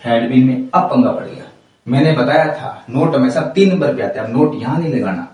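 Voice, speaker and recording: A man's voice: mid-range voice, normal speed, darkish tone. Hindi-accented male teacher in an echoey room. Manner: explains step by step, repeats and quizzes students, calls them beta. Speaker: English teacher. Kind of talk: classroom grammar lesson. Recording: echoey room, mic far off.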